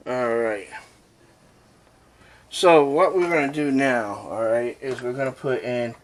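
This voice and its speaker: A man's voice: mid-range voice, slow pace, a little hiss or hum. Joking man walking through a home recipe. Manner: joking, rambling, talks while cooking. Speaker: cooking channel host. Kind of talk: casual cooking vlog. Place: home kitchen.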